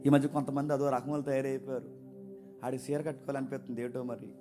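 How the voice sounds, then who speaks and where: A man preaching a sermon in an emphatic way, asking rhetorical questions and swinging between loud declarations and hushed asides. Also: medium pitch, little pitch movement, fast talker, music in the background.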